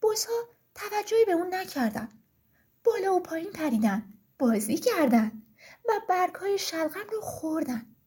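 A woman narrating a children's story in an expressive, sing-song reading. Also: very high voice.

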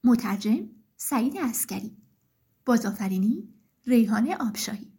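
A woman narrating a children's story in an expressive, sing-song reading. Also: on the high side, husky.

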